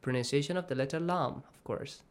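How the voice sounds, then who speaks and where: Teacher running a recitation lesson: smooth, clean voice, steady pitch, slow drawn-out demonstrations, frequent check-ins. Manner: checks in often with "okay?" and "right?". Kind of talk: tajweed lesson to students.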